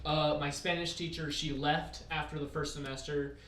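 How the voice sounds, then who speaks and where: A man's voice: a little high, flat delivery, normal speed, a bit bright. A young man hosting a casual podcast rant, rambling with many fillers. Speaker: podcast host. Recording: echoey room, distant mic, faint noise.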